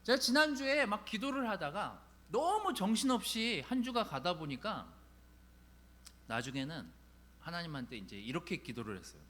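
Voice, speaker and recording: A male pastor giving a sermon in a conversational, animated way, building to emphatic points. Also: high voice, normal speed.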